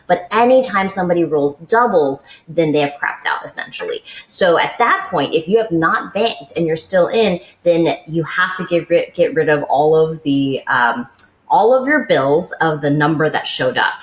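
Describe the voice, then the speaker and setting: A woman's voice: low voice, expressive, moderate pace, reverberant. A woman co-hosting a podcast, chatting casually and explaining game rules step by step. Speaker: podcast co-host. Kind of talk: casual board game chat.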